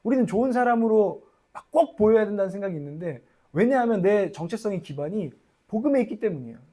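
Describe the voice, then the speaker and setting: High-voiced man preaching a candid sermon. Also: expressive, fast talker, warm tone. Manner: candid, confessional, acts out his own inner voice. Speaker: pastor.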